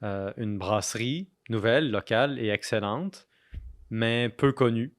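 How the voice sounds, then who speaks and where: A man hosts the interview, asking his questions in a slow, deliberate way. His pitch stays in an ordinary middle range, and the recording is dry and close, with no room sound. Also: no room sound. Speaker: podcast host.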